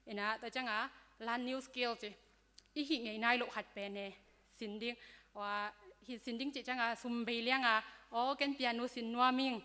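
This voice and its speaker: Speaking at a church youth seminar, a woman guides young people through health topics in a loose, conversational style packed with fillers. Her slightly high voice is bright and forceful, with fairly even intonation and normal speed, and the long reverb of a large hall surrounds it.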